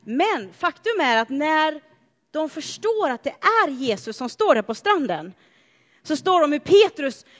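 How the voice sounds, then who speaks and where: A woman preaching a sermon in a church, telling stories in a chatty, animated way with playful asides to the congregation. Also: sits high. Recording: long church reverb.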